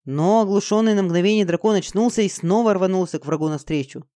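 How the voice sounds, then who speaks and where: Mid-pitched audiobook narrator, dry sound. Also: fast, warm tone, dry recording.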